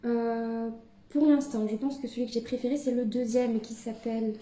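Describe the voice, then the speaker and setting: A woman's voice: on the high side, fairly even intonation, normal speed, dark tone. A young woman book vlogger chatting casually to camera at home, hesitant with many fillers and restarts. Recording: echoey room.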